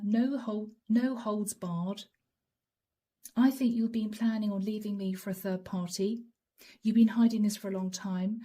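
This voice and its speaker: A middle-aged tarot reader gives a channeled reading in a soft, intimate medium-pitched voice that often drops to a whisper. A long session has left her a little hoarse.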